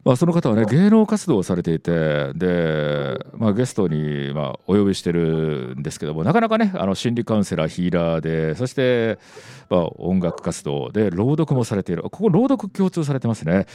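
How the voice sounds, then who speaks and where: A man hosting a casual radio interview as the DJ, talking in a meandering, halting way with many small interjections. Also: sits low, huge pitch swings, dark tone, no room sound. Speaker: radio DJ host.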